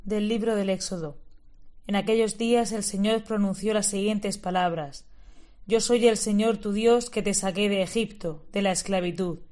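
Woman, lector, liturgical reading, steady measured delivery, mid pitch.

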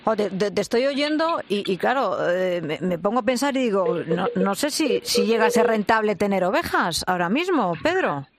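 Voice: mid-range voice, lively intonation, normal speed, few pauses, a crowd in the background. A radio host interviewing a guest in a chatty, sympathetic way with many small fillers.

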